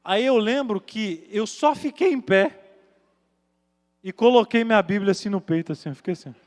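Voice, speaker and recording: Male pastor with a Minas Gerais accent, high voice, dramatic storytelling sermon in a long-reverb church hall with soft music. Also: normal speed. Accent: Brazilian Portuguese, Minas Gerais. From Minas Gerais, Brazil. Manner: dramatic storyteller acting out voices, swinging from loud to hushed.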